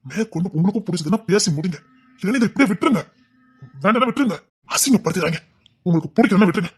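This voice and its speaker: A young actor playing a stubborn, proud village son in a family drama, pleading with his parents in an earnest, insistent tone. His voice is husky and a touch high, and the words tumble out fast. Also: animated.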